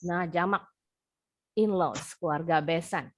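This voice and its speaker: A woman's voice: on the low side, dry recording, studio quality. Patient Indonesian woman teaching English. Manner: patient, explains slowly, repeats words for pronunciation. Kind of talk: online class teaching. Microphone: video call.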